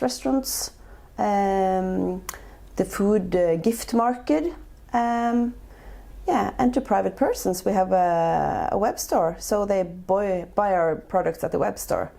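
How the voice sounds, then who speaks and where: With vocal fry, a dark tone, and a slow pace, a mid-range female voice responds to interview questions. The guest is a Norwegian chef and entrepreneur in her forties speaking accented English, and her answers are full of hesitations and filler sounds.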